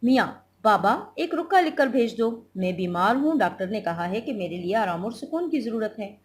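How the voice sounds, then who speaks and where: A woman's voice: mid-range voice, very animated, moderate pace, close to an everyday voice. Peevish ailing husband, middle-aged, read out by a woman teacher, raised voice. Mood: irritable. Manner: complaining, peevish, read aloud from a play.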